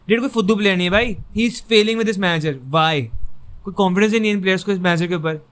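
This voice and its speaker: A man's voice: high voice, fairly even intonation, fast, a bit bright, clear, resonant tone. A young man giving a heated, frustrated fan reaction to a football match, switching between Hindi and English.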